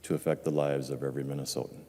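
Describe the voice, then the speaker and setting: An older man giving a measured, reflective farewell speech from a legislative chamber floor, with touches of dry humor. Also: rumbling low, flat delivery, warm tone. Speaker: departing state legislator. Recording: long reverb of a large chamber.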